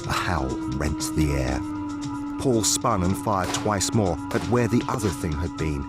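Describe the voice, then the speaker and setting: Very deep-voiced man narrating a horror story. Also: very animated, a little slow. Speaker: streamer reading horror stories. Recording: music playing behind the voice.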